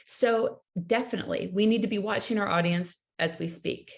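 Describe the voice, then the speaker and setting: Excitable woman teaching a recorded lesson. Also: medium pitch, moderate pace. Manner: excitable, uses lively voice inflection; addresses viewers warmly as friends. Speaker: instructor.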